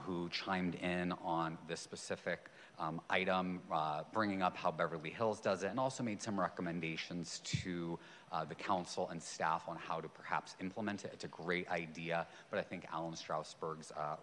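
Male public commenter, very low voice, informal thanks, reverberant and slightly noisy room. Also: steady tone, moderate pace, a bit bright. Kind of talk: informal speech of thanks at meeting. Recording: echoey chamber with background noise.

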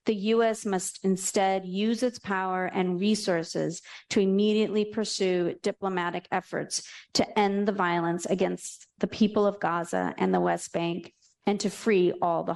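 A woman chairs a public board meeting and reads a prepared statement in a measured, deliberate way. Her voice has a gravelly fry running through it. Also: medium pitch, darkish tone, poor audio.

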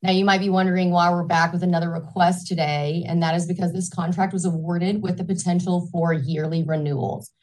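A woman's voice: on the low side, steady tone, fairly quick, few pauses, darkish tone. A woman giving a friendly, formal prepared slide presentation as a staff presenter.

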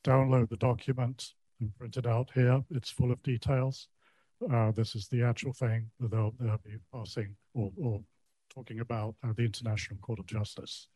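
A man's voice: medium pitch, flat delivery, mellow, no room sound. An older retired man giving a polite public comment, hesitant with many ums and uhs. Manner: polite, measured.

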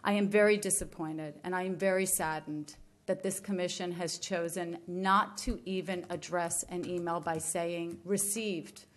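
A woman's voice: on the low side, fairly even intonation, a little slow. A woman giving public comment at a county budget hearing, an elected official who is angry and struggling to stay composed. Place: county commission chamber.

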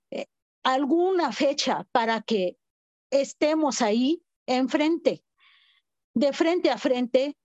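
A woman calling in over a phone line to give public comment, earnest and pleading, halting now and then with fillers. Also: high-pitched, a little mellow, no room sound. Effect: call-in audio over a phone line. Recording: dull lo-fi phone-line audio.

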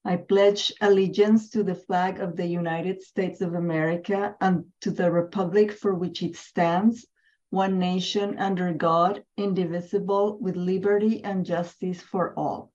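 A woman speaks at a formal public meeting over a video call, her lowish voice steady and measured. The video-call audio sounds dull and set back from the mic. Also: far from the mic. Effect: heard over a video call. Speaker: planning board member.

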